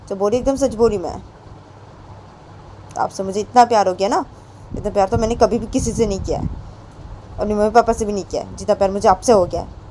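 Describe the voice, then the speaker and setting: A woman's voice: medium pitch, warm tone, slight background noise, pitched above the performer's own voice, lightly acted, rough recording. A woman voicing a young woman who pleads emotionally with her partner, repeating herself with rising insistence.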